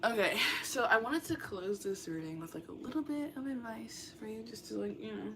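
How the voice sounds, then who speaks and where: A woman's voice: a little high, expressive, fairly quick, pushed and bright, slight background noise. A young woman giving a casual tarot reading in a rambling, meandering way, full of fillers. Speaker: tarot reader.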